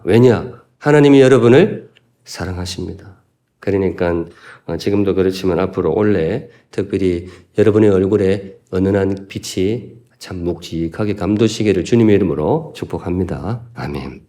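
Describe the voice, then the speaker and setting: A male pastor from Gyeongsan, North Gyeongsang, South Korea, preaches a folksy, humorous sermon and asks the congregation questions. His voice is on the low side and mellow.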